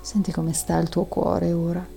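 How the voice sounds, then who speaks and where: A woman leading a guided breathing meditation in a soft, soothing and calming manner, with long audible exhales. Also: fairly low pitch, moderate pace, vocal fry, faint music behind.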